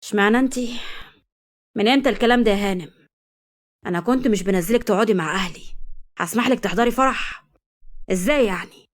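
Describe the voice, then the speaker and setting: A woman with an Egyptian accent voicing a cold, possessive, jealous young husband in a read-aloud story, speaking low and menacing. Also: quick pace, long pauses, close to an everyday voice. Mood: angry. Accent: Egyptian Arabic. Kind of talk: storybook reading.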